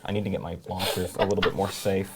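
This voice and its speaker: A man playing a board game, thinking out loud playfully and throwing in silly sound effects. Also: low-pitched, little pitch movement, fast talker, a loud crowd. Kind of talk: casual chat during gameplay.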